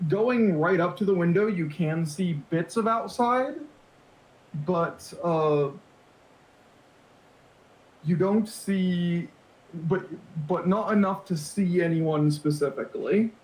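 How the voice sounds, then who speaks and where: High-voiced game master in a roomy space. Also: male voice, slow, long pauses, a little mellow. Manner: hesitant rulings, thinks aloud. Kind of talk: running a tabletop game. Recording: roomy echo.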